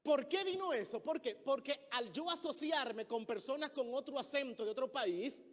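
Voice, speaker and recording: A pastor from the Dominican Republic, speaking with a Dominican Spanish accent, preaches a sermon in a church, telling stories and acting out the people he quotes. His voice is extremely high and his pace moderate, with the long reverb of the church hall around him.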